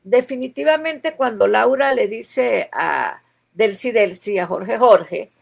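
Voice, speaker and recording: A woman hosting a live-streamed interview, chatting casually, passing on news and pausing with fillers. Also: fairly high pitch, animated, creaky. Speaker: interview host.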